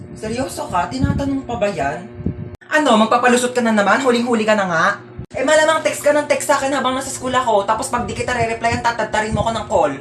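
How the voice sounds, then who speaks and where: A woman acting out sassy comedy skits, switching between characters with exaggerated delivery. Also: a little high. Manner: sassy, exaggerated, playing many roles. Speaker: comedy skit creator. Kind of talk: comedic skit role-play. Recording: noisy home video.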